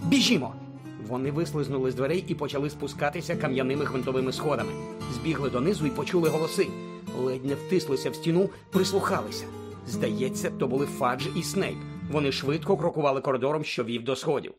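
A man reading an audiobook aloud in a lively, expressive narration. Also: medium pitch, quick pace, over music. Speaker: audiobook reader.

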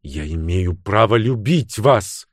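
A man's voice: on the low side, animated, slow pace, no room sound, studio quality. A man voicing a brooding young male investigator in an audiobook, speaking curtly and earnestly.

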